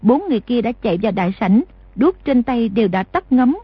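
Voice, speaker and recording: A woman narrating an audiobook in a steady, measured reading voice. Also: fairly high pitch, husky, no echo, muffled recording. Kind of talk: scripted narration.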